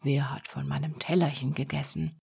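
A woman's voice: a bass voice, flat delivery, moderate pace, creaky, a little mellow, breathy edge, pitched below the performer's own voice, heavily acted. A woman voicing seven small kindly male dwarfs in a whispered role-play, asking earnest questions. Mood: puzzled.

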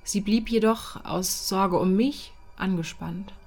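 Female horror narrator, unhurried, hushed and whispering, over soft music. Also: mid-range voice. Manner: slow, hushed, sinking to whispers. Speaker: reader. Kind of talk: dramatic horror story reading.

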